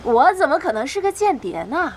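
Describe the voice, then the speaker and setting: A woman's voice: sits high, very animated, brisk, slight background noise. An actress playing a headstrong female army reporter who talks boldly and scolds. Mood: indignant. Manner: bold, insistent, scolding. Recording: drama audio with music behind.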